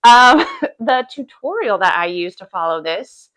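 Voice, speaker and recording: A woman's voice: medium pitch, big pitch swings, measured pace, fairly bright tone. A woman in her thirties chatting casually to camera about her cross stitch, bubbly and full of fillers.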